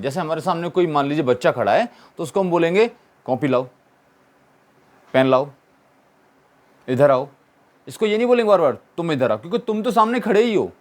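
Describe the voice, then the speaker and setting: A man teaching an English grammar lesson, asking questions and answering them himself and repeating the key points. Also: fairly high pitch. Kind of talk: classroom-style explanation.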